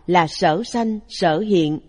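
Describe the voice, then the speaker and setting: A woman reading a Buddhist dharma talk aloud in a calm, even, measured way. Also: fairly low pitch, husky. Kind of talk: slow read-aloud Buddhist sermon. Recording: long hall reverb.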